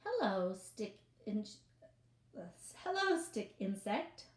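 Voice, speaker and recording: A woman voicing a calm female robot that speaks in a stiff, formal way. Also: mid-range voice, takes it slowly, roomy sound. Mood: polite, curious. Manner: stiff, even robotic delivery.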